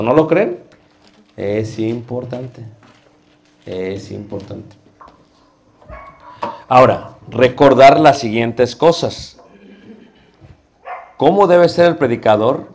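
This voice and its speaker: A man's voice: fairly low pitch, a little mellow, a little hiss or hum. A middle-aged man teaching a class on preaching, asking the students rhetorical questions. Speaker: homiletics teacher.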